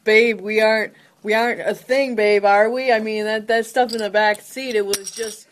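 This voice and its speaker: Woman playing a drunk teen boy in a tabletop game, halting and rambling, mid-pitched. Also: fairly even intonation, background noise, natural voice. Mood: sheepish. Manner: halting, rambling, repeats "babe". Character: drunk, confused teenage boyfriend, male.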